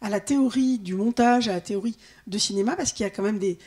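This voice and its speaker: A woman's voice: medium pitch, fast talker, warm tone. A woman film scholar giving an explanatory comment from the audience during an academic discussion.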